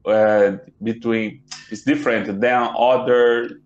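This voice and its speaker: A man's voice: mid-range voice, fairly even intonation, takes it slowly. A man in his thirties from Brazil with a Brazilian accent, a Portuguese speaker working through English in a hesitant way, searching for words and correcting himself on a webcam in a home office. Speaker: English learner and channel host. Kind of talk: casual video call chat. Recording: dull, roomy webcam audio.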